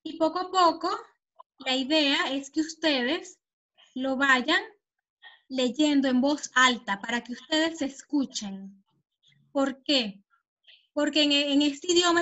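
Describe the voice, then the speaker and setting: Teaching Spanish online, a Venezuelan-accented woman speaks in a high, fairly bright voice, patiently explaining and checking that her students follow along. The audio is muffled, captured by a computer mic on a video call.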